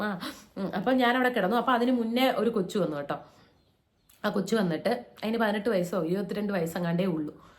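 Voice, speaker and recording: Chatty young woman storyteller. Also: on the high side. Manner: chatty and animated, acting out quoted lines in raised voices. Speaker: vlogger. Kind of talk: casual storytelling vlog.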